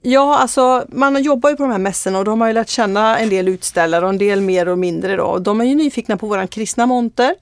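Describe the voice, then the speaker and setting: A woman's voice: medium pitch, few pauses, dry recording. Earnest Swedish-speaking woman, dry sound. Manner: earnest storytelling with frequent fillers. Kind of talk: casual testimony in conversation.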